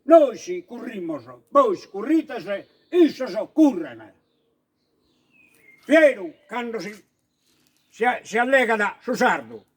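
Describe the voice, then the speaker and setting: High-voiced rustic villager with a thick sardinian accent, a man putting him on, grumbles and yells. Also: big pitch swings, slow, pauses often, husky, exaggerated voice. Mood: gruff. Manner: bursts into scolding shouts. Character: gruff rustic mountain villager, proud of his dialect.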